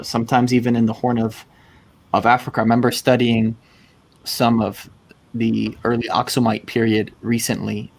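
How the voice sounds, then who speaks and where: A man hosting a casual conversation, relaxed, asking open questions. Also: lowish voice, vocal fry. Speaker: host.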